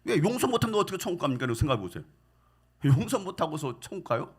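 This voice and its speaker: A middle-aged male pastor preaching a sermon with great passion, swinging from quiet asides to loud, emphatic lines and leading the congregation in reading scripture. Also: on the high side, big pitch swings, quick pace, slightly rough.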